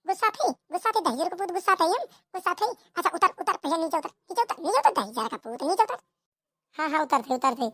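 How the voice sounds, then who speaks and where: Woman doing a scolding awadhi village mom, cartoon, high bright voice, dry sound. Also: expressive, quick pace, no echo. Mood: angry. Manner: nagging, repeats rebukes. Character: scolding, short-tempered village mother. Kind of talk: cartoon comedy voice acting.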